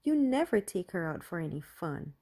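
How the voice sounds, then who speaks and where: A woman's voice: fairly low pitch, big pitch swings, normal speed, dark tone. A woman voicing a bossy young girl who teases and pouts. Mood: bossy teasing. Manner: bossy, pouting.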